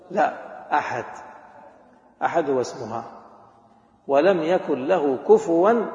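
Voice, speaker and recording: A man teaching a grammar class, quizzing students and slowly repeating words. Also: a little high, darkish tone. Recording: echoey hall, dull lo-fi recording.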